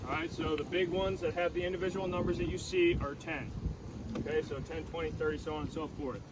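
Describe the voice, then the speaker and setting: Male army instructor for artillery call-for-fire class; directive, a little high-pitched, recorded outdoors with noticeable noise. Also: fairly even intonation, a little fast. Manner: emphatic, directive, repeats key points. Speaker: military instructor. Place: outdoors under camouflage netting in a field. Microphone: phone held among the seated trainees. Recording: noisy outdoor phone recording.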